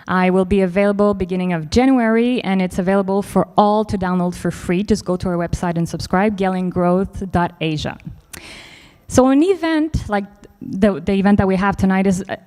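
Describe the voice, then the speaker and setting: A woman's voice: mid-range voice, dark tone, clear, resonant tone. A woman moderating a panel discussion at an event, chatty with many fillers and easy laughs. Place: event hall. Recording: long reverb of an event hall.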